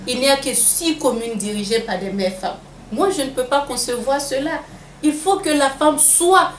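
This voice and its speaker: A woman with a Malian French accent answering interview questions in an earnest, emphatic way, repeating phrases for weight. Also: high-pitched. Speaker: interview guest. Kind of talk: interview answers on women in politics. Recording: echoey room with faint background noise.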